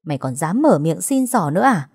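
A woman's voice: fairly low pitch, sing-song, fairly quick, slightly rough, no echo, clean studio sound, full character voice. A woman voicing a harsh, furious old grandmother who scolds her family. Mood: scolding. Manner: scolding, sharp-tongued.

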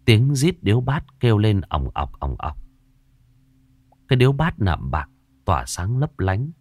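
A man narrating a scripted horror story in a dramatic, expressive way. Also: low voice, dry recording.

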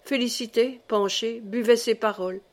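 A woman reads a classic novel aloud as audiobook narration. Her voice sits somewhat high, and she keeps a measured, even reading pace. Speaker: audiobook reader.

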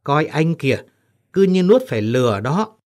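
A man voices a loving village wife in an audiobook. He keeps the voice soft and tender, only lightly raised from his narrating voice. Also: fairly high pitch, very animated, normal speed, voice pushed up. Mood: affectionate.

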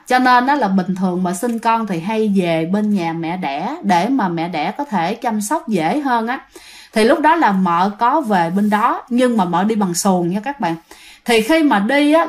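A woman telling a ghost story in a chatty, casual way, often addressing her listeners. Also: fairly high pitch.

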